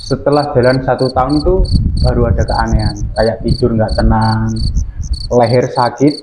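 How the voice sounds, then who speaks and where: A man's voice: medium pitch, fairly even intonation, normal speed, echoey room, noisy background. A man from East Java, telling his own experience earnestly as a guest on a radio interview. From East Java, Indonesia. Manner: earnest, plain storytelling with many fillers. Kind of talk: radio interview, personal story. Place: radio studio.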